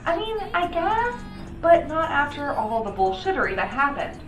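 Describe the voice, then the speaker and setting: A tipsy American woman rambles through an opinionated review in a theatrical, sweary way. Her voice is bright and very animated. It is picked up from a distance in an echoey room with music behind. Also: sits high, moderate pace. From Baltimore area, United States. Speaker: drunk review show host. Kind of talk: casual opinionated chat.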